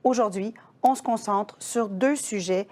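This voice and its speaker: A woman's voice: medium pitch, unhurried, a little mellow. A woman from Canada, an employment counselor presenting in a friendly, conversational webinar.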